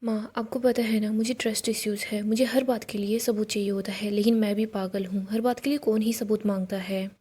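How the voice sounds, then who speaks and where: A woman's voice: medium pitch, fairly even intonation, a little fast, hardly any pauses, mellow, slightly rough, natural voice. A woman voicing a young man who tearfully begs his mother to forgive him, often close to a whisper. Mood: remorseful.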